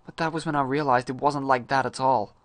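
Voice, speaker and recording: Male actor as restless, disillusioned high-school guy, hammy stage monologue delivery, mid pitch, close dry recording. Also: steady tone, a little fast, dry recording, close to an everyday voice. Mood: intense, frustrated. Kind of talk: dramatic monologue reading.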